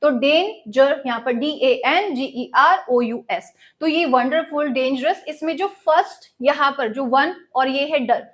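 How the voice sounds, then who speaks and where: High-voiced woman teaching a lesson. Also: slow, few pauses. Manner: explains step by step, mixing Hindi and English, asks students to repeat words. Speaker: English literature teacher. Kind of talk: online exam-prep lesson.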